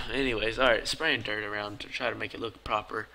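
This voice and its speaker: A tired man keeps his voice hushed and easygoing, narrating his game build late at night. His voice sits fairly low but comes across very bright and sharp-edged. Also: moderate pace, slight background noise, low-quality recording. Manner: talks quietly and low-key because it is late. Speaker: gaming video creator. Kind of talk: casual gameplay voice-over.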